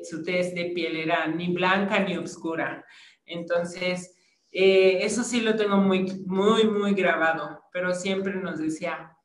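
Mujer mexicana, relata su testimonio de fe, imita voces al citar, sala con eco. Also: female voice, a little hiss or hum. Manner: storytelling, acts out quoted voices with sudden high bursts. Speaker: testimony giver. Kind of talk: personal faith testimony. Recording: roomy echo.

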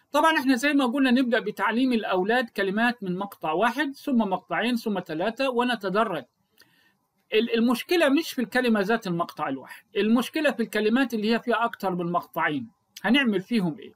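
A man's voice: sits high, a bit bright. A middle-aged man with an Egyptian Arabic accent, explaining a phonics lesson to teachers and answering his own rhetorical questions. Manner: asks rhetorical questions and answers them himself. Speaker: English teacher.

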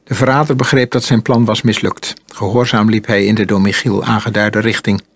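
A man narrating an audiobook in a calm, measured storytelling manner. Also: fairly low pitch, slightly rough. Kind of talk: audiobook reading.

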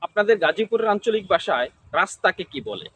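A man's voice: high-pitched, expressive, a little fast, fairly bright tone, slight background noise. A man interviewing, asking the same kind of question over and over. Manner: repetitive, formulaic questioning.

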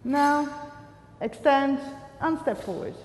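A woman's voice: sits high, expressive, measured pace, a little hiss or hum. A woman speaking as a fencing master, teaching a drill with short commands, corrections and brief praise. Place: large reverberant indoor room. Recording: echoey hall with long reverb.

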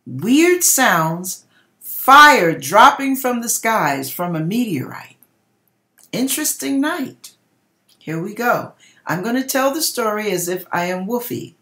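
A middle-aged woman with a medium-pitched, somewhat bright voice tells stories in a theatrical, emphatic way. She is an online host doing dramatic readings and commentary indoors in her home kitchen, where the sound echoes.

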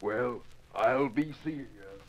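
A friendly ranger bear for a 1950s radio public service spot. The pitch is medium for a man. He speaks in a folksy, deliberate and emphatic way, solemn but neighborly. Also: poor audio. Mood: friendly, earnest. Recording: 1950s radio transcription record.

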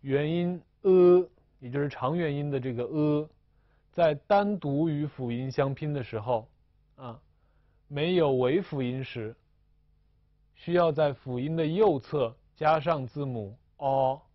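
A man teaching a recorded language lesson at an unhurried, deliberate pace, pausing often as he explains. His voice sits at an ordinary middle pitch. The recording is dry and a little dull, with no room sound. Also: no room sound. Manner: slow, careful explaining with frequent hesitations.

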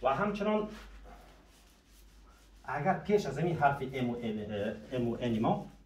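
A very animated man with a mid-range, darkish voice teaches French, patiently answering the questions he himself asks. The lesson is recorded in a reverberant room from a distance.

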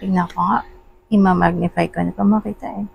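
A woman's voice: on the low side, steady tone, brisk, vocal fry, dull audio, a little hiss or hum. A woman with a Filipino accent in casual chat, teasing and asking questions. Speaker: travel companion. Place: airport departure area.

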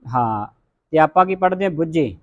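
A man's voice: a little high, moderate pace. A man with a Punjabi accent teaching a class how to pronounce scripture words, sounding out letters and having the group repeat them. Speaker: Gurbani pronunciation teacher. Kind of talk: classroom recitation lesson.

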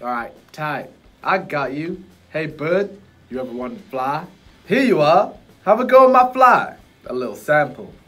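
A man's voice: a little high, very animated, a little slow, fairly bright tone, full character voice. A man doing a slangy genie with a put-on American accent. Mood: easygoing. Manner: slangy, easygoing, chummy. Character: laid-back streetwise male genie guru. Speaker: voice actor. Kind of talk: recording voice lines for a comedy.

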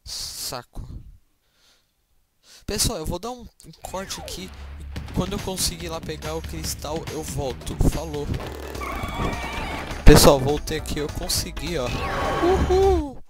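A man's voice: a little high, unhurried, long pauses. A man with a Brazilian accent giving casual gameplay commentary as he plays. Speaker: gamer. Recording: loud game music behind voice. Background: video game music and engine sounds.

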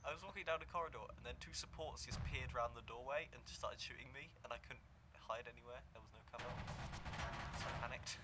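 A young man with an ordinary, middle-pitched voice talks through an online shooter match with a friend. His humor is dry and offhand, delivered in a casual, deadpan way over a headset. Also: fast talker, heavy background noise. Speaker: gaming co-host. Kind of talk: casual gameplay chat.

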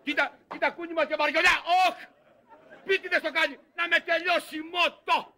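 An actor playing a frustrated, lustful husband in a stage comedy, shouting and pleading in a gravelly voice. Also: male voice, very high voice, little pitch movement, full character voice. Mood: lovesick. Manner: pleading and bawdy. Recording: live stage recording with audience.

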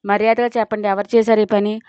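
A woman voicing a scheming middle-aged male manager who blusters and shouts melodramatically. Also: mid-range voice, little pitch movement, quick pace, clear, resonant tone, no echo, lightly acted. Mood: blustering. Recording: dull lo-fi dry recording.

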